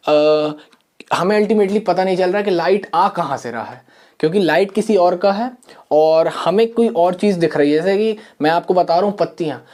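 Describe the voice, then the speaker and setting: A man teaches a school science lesson in a soft, low-key voice. He explains step by step, often pausing on fillers and repeating phrases. He is recorded in a small room. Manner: soft-spoken. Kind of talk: classroom lesson. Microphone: camera mic.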